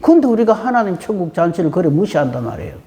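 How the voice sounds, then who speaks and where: A woman's voice: lowish voice, quick pace. A woman preaches at a dawn service, her voice swinging widely up and down as she keeps turning questions on her listeners. Her words ring out with a long reverb through a church sanctuary. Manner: lively, asks the congregation many rhetorical questions. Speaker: pastor. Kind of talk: dawn prayer service sermon.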